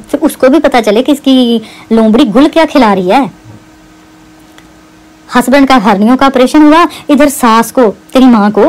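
A woman's voice: fairly high pitch, darkish tone, low-quality recording. A woman YouTuber, delivering a heated, mocking rant to camera against a rival and repeating her jabs.

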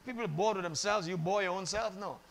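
A man's voice: sits high, quick pace, vocal fry, fairly bright tone, a little hiss or hum. A man preaching a sermon in a conversational way, repeating phrases and laughing often.

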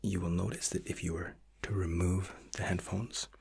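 A man's voice: low-pitched, fairly even intonation, moderate pace, vocal fry, darkish tone, breathy edge, exaggerated voice. A man in his thirties in an ASMR role-play as an attentive, reassuring first-class flight attendant with formal, soothing service patter.

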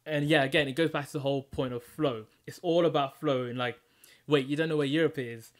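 A man's voice: fairly even intonation, brisk. Laid-back man explaining his rap songs. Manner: low-key, reflective explaining with frequent restarts. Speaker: podcast host presenting his own rap songs. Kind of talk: casual podcast chat.

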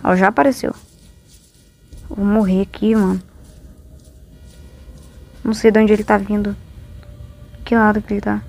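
A woman's voice: mid-range voice, level tone, normal speed, gravelly, pauses often, darkish tone. A woman with a Brazilian accent giving casual, exclamatory, complaining commentary as a gamer playing along.

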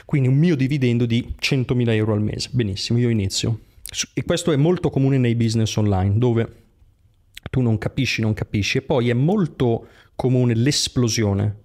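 A man with an Italian accent in casual conversation, his voice sitting in a middle pitch. He talks in lively bursts and slips into voiced quotes as he explains his views. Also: normal speed. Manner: animated storyteller, acts out quotes. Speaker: guest, online entrepreneur.

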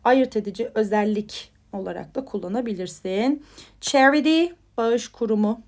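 A woman teaching English vocabulary to Turkish learners in a chatty, informal way. She says each headword with a lift and then explains it more quietly, checking in with "tamam mı?". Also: fairly high pitch, normal speed. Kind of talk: vocabulary lesson.

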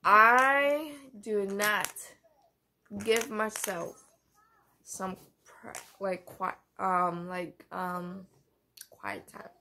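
Slow, soft-spoken young mom. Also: female voice, medium pitch, fairly even intonation, a little hiss or hum. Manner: soft-spoken, many fillers, candid. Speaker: mom vlogger. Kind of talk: casual vlog talk.

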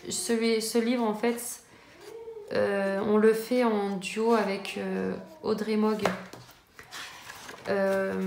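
A woman in her thirties chats about her coloring books at home. She talks casually, with frequent fillers and restarts, at a middling pitch. The room echoes around her, with a faint hiss underneath. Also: a little mellow. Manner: chatty, hesitant, many fillers and restarts. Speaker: coloring-book vlogger. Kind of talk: casual chat showing her book collection.

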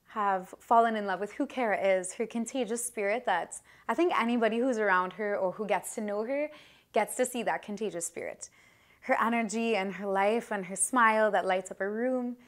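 A woman in her thirties, the maid of honor, giving a heartfelt wedding toast into a handheld microphone in a reception hall, pausing and restarting as she speaks. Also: mid-range voice. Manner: heartfelt, earnest, with many restarts and pauses.

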